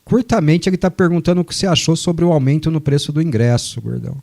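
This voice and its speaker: A man's voice: fairly high pitch, steady tone, fast, creaky, dark tone. Chatty man hosting radio. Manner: chatty, joking, long explanations. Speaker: radio sports show host. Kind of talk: casual radio talk, reading listener messages. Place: radio studio.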